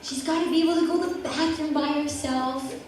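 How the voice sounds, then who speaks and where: A woman's voice: sits high, a little mellow, a little hiss or hum, natural voice. A woman voicing a flustered, apologetic school principal, a man, in her own voice. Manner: hurried, apologetic. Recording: echoey hall from far off.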